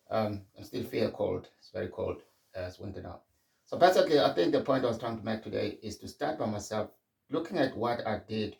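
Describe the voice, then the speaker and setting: A man's voice: fairly low pitch, gravelly, a little mellow, reverberant, recorded from a distance. A middle-aged man from Zimbabwe hosting a podcast, talking candidly in a reflective solo monologue. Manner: candid and conversational, frequent restarts. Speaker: podcast host.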